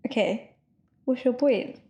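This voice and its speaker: Chatty woman, slightly high voice. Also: takes it slowly, warm tone. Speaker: podcast co-host. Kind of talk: casual chat.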